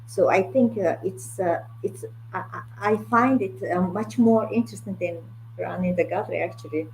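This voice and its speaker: A woman's voice: lowish voice, moderate pace, creaky, low-quality recording. A woman with a Mongolian accent speaking English as a second language, hesitant and searching for words as a guest in an online talk. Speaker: guest, art curator. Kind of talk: online talk about own work. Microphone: video call. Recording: video call with faint noise and hum.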